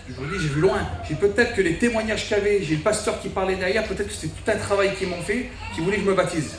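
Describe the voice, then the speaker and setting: Fast high-voiced man testifying in an echoey tent. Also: slight background noise. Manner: storytelling, quoting himself and others. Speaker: church member giving testimony. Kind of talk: spoken testimony in church. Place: large tent meeting. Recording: echoey tent, mic from a distance.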